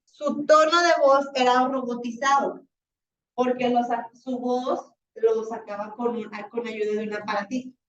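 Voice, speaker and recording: A woman teacher, slightly hoarse, lecturing a class in a chatty, animated way with many fillers. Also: on the high side, unhurried. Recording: roomy, distant, dull classroom recording.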